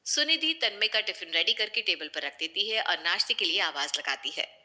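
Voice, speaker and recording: Bright-voiced woman narrating a story. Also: mid-range voice, lively intonation, normal speed.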